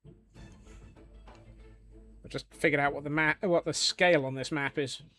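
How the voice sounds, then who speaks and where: A man's voice: a little high, fairly even intonation, a little slow, sharp tone, soft background music. A man from Scotland chatting casually on a live gaming stream, joking along with viewers and answering their questions. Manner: chatty and jokey, answering chat.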